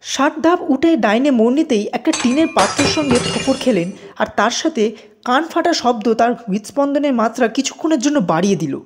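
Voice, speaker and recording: For an audio production, a woman reads a scripted story in a fairly high voice with a breathy edge. She speaks fairly quickly, and lively swings in pitch give her narration an expressive shape.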